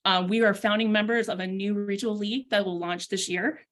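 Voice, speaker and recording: A woman, a youth soccer club's technical director, reading prepared remarks in a steady, earnest way over a video call. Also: mid-range voice.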